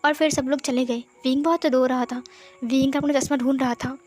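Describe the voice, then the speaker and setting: A woman narrates a fan story in a plain, quick retelling style. Her voice is high, and soft music plays faintly behind her. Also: steady tone.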